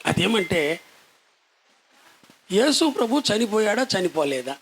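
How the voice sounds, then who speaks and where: Male preacher, very high and sharp voice, rhetorical questions, emphatic build-ups. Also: sing-song, slow pace, slightly rough. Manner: asks rhetorical questions and answers them; rises to loud emphatic declarations. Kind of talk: sermon to children.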